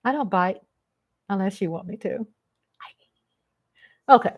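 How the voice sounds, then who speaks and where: Woman, live-stream host, unscripted, blunt, emphatic, swears casually, mid-pitched voice. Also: unhurried.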